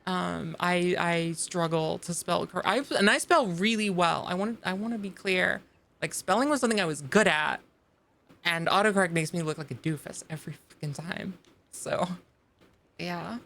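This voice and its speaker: A woman's voice: fairly low pitch, normal speed, gravelly, a bit bright. A woman streaming a video game live, chatting casually and rambling to her viewers, with many fillers and restarts. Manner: talks straight to her live chat. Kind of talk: casual chat while playing a video game.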